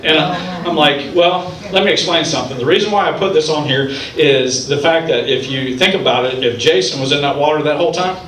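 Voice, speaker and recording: A man from Ohio doing a stand-up comedy set, telling stories with punchlines in an animated way. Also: a little high, brisk, few pauses, roomy sound, far from the mic, poor audio. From Ohio, United States. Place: comedy club stage.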